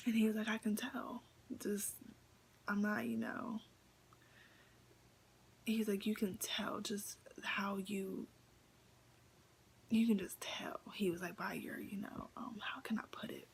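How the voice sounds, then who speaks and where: A young woman vlogger telling a story casually to the camera, chatty and excited, with many fillers and repeats, often half-whispering. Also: medium pitch, slow pace, long pauses.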